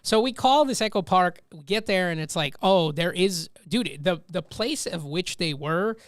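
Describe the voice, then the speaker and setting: A man co-hosting a casual business podcast, telling a story in a lively way, acting out what people said and swearing freely. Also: high voice, moderate pace, dry recording, studio quality. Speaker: podcast co-host. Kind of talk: casual chat.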